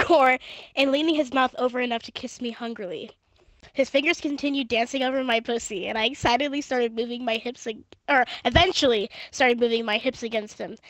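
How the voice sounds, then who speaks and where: A woman's voice: on the high side, no room sound. Giggly, crude young woman on a headset. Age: young adult. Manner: crude, giggly, reads in a flat monotone. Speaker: gaming streamer. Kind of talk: casual stream chat and reading fan fiction aloud. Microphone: gaming headset.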